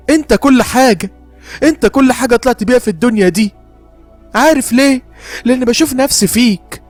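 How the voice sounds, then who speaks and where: A man's voice: very high-pitched, dry recording. A man voicing a long-suffering middle-aged Egyptian mother who is bitter but devoted, speaking with an Egyptian Arabic accent in emotional, pleading bursts. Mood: tender. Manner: emotional, pleading, rapid outbursts. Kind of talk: horror story narration.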